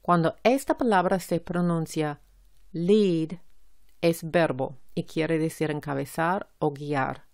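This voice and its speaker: Woman pronunciation teacher, low voice, slow and deliberate, dry close sound. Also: gravelly, dry recording. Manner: enunciates each English word deliberately. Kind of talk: slow, careful word-by-word instruction.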